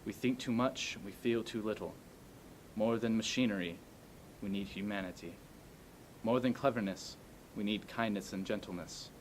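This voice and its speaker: A man giving an earnest recitation of a speech with measured, declamatory phrasing. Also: low-quality recording. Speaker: amateur performer. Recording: faint noise and low rumble.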